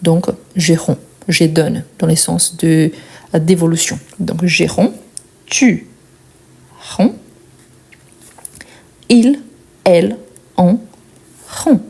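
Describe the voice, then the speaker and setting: A woman teaching verb conjugation, repeating each form slowly and clearly and checking in with short questions. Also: fairly low pitch, a little mellow. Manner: checks in with "ok?" and "bien". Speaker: French teacher. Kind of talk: explaining conjugation.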